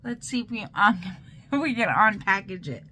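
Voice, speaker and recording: A woman's voice: medium pitch, expressive, moderate pace, sharp tone, a little hiss or hum. A tipsy woman, rambling loosely and playfully through a casual makeup unboxing vlog. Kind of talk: casual rambling product show-and-tell.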